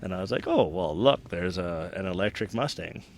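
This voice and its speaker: A man's voice: sits low, lively intonation, moderate pace, creaky, a little hiss or hum. A man chatting casually and telling rambling, self-interrupting anecdotes outdoors in a backyard. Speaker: podcast co-host. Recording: faint outdoor backyard ambience.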